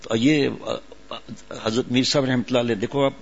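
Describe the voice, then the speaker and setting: A man's voice: medium pitch, steady tone. An older man preaching to a seated gathering in a storytelling way, with asides to his listeners. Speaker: religious preacher. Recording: dull lo-fi audio.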